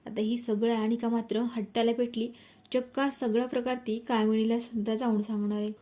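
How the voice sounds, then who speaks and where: A woman tells the events of a television serial in dramatic recap style, speaking straight to the audience. Her voice is slightly high and mellow, with little rise and fall. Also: flat delivery, brisk. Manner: dramatic storytelling, addresses the audience. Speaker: narrator. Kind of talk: serial episode recap narration.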